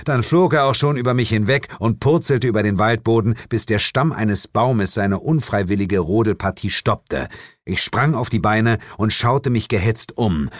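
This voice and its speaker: A man reading a first-person audiobook in an expressive, wry manner on a studio microphone. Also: on the low side, dry recording. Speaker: audiobook reader.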